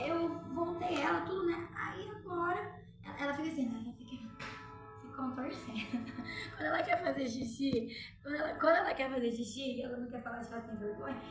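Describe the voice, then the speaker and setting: A woman's voice: sits high, distant mic. A mother, chatting at home to her viewers and telling a story, often asking them to react. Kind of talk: casual chat to viewers. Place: room at home. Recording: very echoey room, from off-mic.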